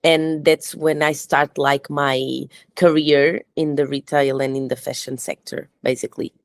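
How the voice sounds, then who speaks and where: A woman's voice: sits low, level tone, measured pace, dry recording. A woman with a Portuguese accent, a guest on an interview podcast, telling her story in English with many hesitations and restarts. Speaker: guest, fashion entrepreneur.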